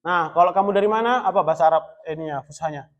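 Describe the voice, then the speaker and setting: A man teaching an Arabic lesson in a mosque in a relaxed, joking classroom manner, chuckling often. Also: on the high side, rapid-fire, highs cut off. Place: mosque study room.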